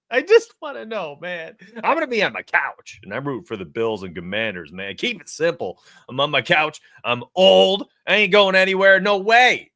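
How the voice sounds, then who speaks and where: Hosting a live sports betting show, a forty-year-old New Yorker chats casually and energetically, addressing his viewers directly. His voice sits high, and the studio-quality recording has no echo.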